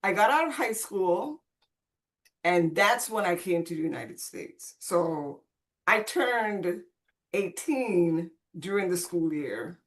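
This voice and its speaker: Her pitch fairly low and her pace slow, this expressive woman shares her life story on a podcast in a chatty way. She is from the Caribbean, born on Saint Croix, raised in Puerto Rico, and grew up speaking Spanish.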